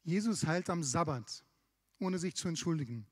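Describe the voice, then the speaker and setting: A man's voice: fairly high pitch, normal speed. Man preaching in a reverberant hall. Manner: conversational, lively retelling of scripture with asides. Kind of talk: sermon.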